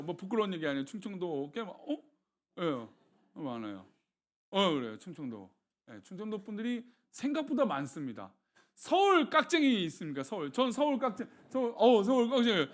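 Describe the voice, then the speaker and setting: A middle-aged man from Seoul, a senior pastor preaching a sermon and talking with his congregation. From Seoul, South Korea. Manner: animated preaching, asks the congregation questions, drops low for blessings.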